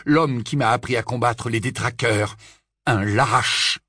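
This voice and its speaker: A man voicing an angry, defiant teenage boy wizard in an audiobook, with a sharp and accusing delivery. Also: medium pitch, slow, dry recording, studio quality, voice pushed up. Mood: furious. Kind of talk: audiobook character voice.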